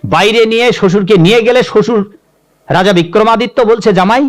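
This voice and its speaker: A man, a sadhu, telling a devotional story in a sermon, animated and checking in with his listeners. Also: high voice, a little fast.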